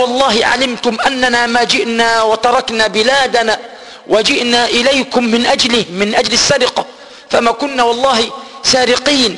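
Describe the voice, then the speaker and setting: Man, scripture lesson, very high voice, bright tone, long hall echo. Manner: retells the story and explains words, chants verses slowly. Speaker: Quran teacher. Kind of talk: Quran exegesis lesson.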